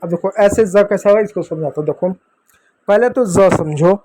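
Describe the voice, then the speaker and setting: Drilling each word step by step, a man teaches an English phonics lesson to beginners and answers his own questions. His voice sits high with a dark tone, at a moderate pace.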